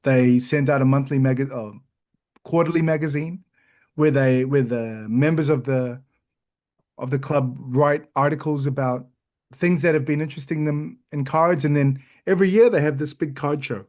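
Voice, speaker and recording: A man co-hosting a card collecting podcast, telling stories in an enthusiastic, animated way. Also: mid-range voice, normal speed. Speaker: podcast co-host. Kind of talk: casual chat.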